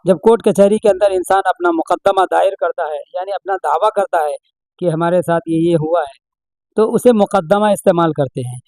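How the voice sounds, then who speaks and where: A man's voice: sits high, moderate pace, a little mellow, dry recording, low-quality recording. A man teaching Urdu reading, patiently sounding out each letter and asking the learner what the word says. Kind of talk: slow spelling-out lesson.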